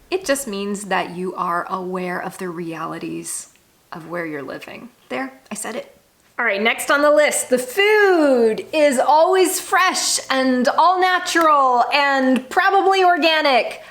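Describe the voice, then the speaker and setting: With a fairly high, fairly bright voice, an American woman who vlogs about travel speaks informally and openly to her viewers. It's a conversational monologue, delivered with frank emphasis.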